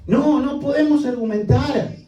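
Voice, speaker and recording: A man's voice: very high voice, a little slow, warm tone, muffled recording. A male pastor preaching a sermon emphatically, with many rhetorical questions. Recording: echoey hall, distant mic.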